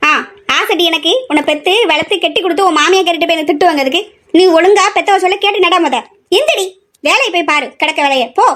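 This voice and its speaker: A woman's voice: extremely high pitch, fast, fairly bright tone. A woman playing a nagging middle-aged mother in a family comedy skit, scolding and complaining nonstop.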